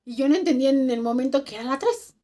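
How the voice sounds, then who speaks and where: A woman with a Mexican accent tells a spooky personal story in a vlog, animated and dropping to a hush at the tense parts. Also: high-pitched, fast talker. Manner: animated storytelling, drops to a hushed voice for tense moments. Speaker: vlogger.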